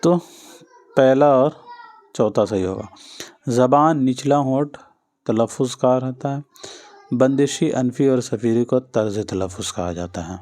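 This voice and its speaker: Male tutor, mellow tone, patient exam-drill delivery, repeats key answers. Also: mid-range voice, pauses often. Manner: patient, repeats each answer, addresses listeners directly. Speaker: teacher. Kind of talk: exam-prep lesson.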